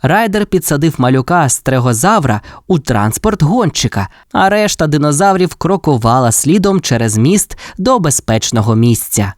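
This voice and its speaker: A storyteller reading a children's audio fairy tale in an expressive, lively way. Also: mid-range voice, normal speed, hardly any pauses, no echo, studio quality.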